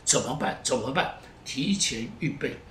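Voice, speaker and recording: A male pastor preaching a sermon in an emphatic way, repeating phrases and moving between loud urging and hushed pleading. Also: medium pitch, expressive, moderate pace. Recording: roomy echo, voice from a distance, faint noise.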